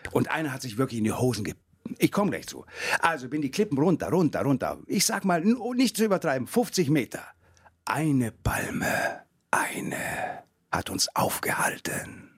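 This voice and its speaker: Animated, husky-voiced man telling a story. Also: fast, no room sound, clean studio sound. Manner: animated storyteller, jumps pitch and acts out voices; mixes in Spanish words. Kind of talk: casual chat.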